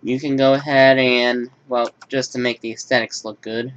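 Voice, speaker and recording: A young man speaks at normal speed in a medium, slightly bright voice with little pitch movement, hosting a gaming channel from a room at home. He covers a build tutorial, then gives a casual personal update sprinkled with fillers, and the recording is dull and lo-fi with a faint hiss.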